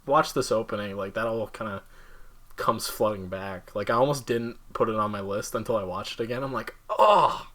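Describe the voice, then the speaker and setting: A man's voice: fairly low pitch, a little fast, a bit bright. A young man co-hosting a casual podcast, rambling with lots of fillers and laughing often. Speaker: podcast co-host. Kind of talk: casual chat.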